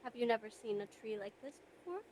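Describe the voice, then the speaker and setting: A woman's voice: fairly high pitch, lively intonation, fast talker, a little mellow, slight background noise. A woman role-playing a shopkeeper in a game, speaking in a dry, matter-of-fact way and now and then dropping out of character to swear. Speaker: role-play player as a shopkeeper.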